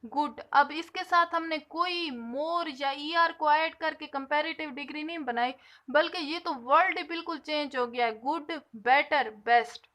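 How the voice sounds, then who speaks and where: A woman teaching an English grammar lesson, explaining patiently and slowly stretching out the example words. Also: high voice, sharp tone.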